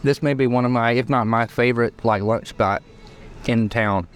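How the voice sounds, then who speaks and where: A man's voice: medium pitch, moderate pace. Rambling man hosting outdoors. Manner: rambling, searches for words, many restarts. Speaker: podcast host. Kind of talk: casual chat. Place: outdoor patio of a bakery.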